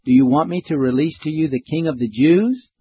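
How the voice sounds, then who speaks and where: A man with a husky voice reading the part of a stern Roman governor questioning a prisoner, in a measured, slightly raised tone. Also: a little high, highs cut off, pitched above the performer's own voice.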